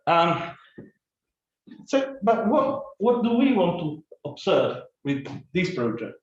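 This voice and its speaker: A man giving a fast, halting scientific conference talk, full of fillers and restarts. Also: high voice, big pitch swings. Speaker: conference speaker. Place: conference room or lecture hall. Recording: echoey, dull conference recording.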